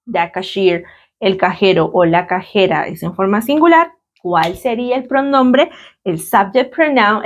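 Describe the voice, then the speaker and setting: A woman with a Latin American Spanish accent teaching an English grammar lesson, slow and patient, often checking in with questions. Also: medium pitch. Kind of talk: recorded classroom lesson.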